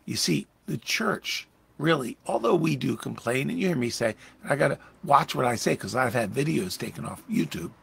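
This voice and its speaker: A man pastor teaching a Bible study in a conversational, animated way, raising his voice when acting out quoted lines. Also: medium pitch, normal speed, creaky, hardly any pauses, husky.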